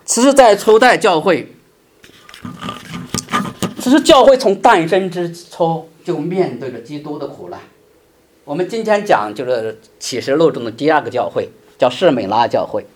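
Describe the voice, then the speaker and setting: A middle-aged male pastor preaching a sermon, swinging between loud emphasis and soft, hushed asides. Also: on the high side, lively intonation, normal speed, a little hiss or hum.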